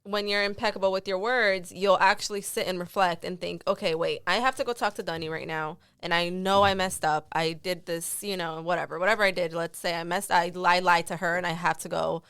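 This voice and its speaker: Smooth-voiced woman thinking aloud earnestly. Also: lowish voice, fairly even intonation, a little fast, hardly any pauses, fairly bright tone, no room sound. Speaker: podcast co-host. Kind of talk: casual podcast chat.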